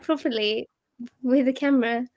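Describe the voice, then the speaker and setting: A woman's voice: high voice, moderate pace. A British woman, a photographer, chatting playfully and laughing often on a live stream. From Britain. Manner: playful, giggly, animated. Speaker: fine art photographer, co-host of live chat. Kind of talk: casual live-stream chat.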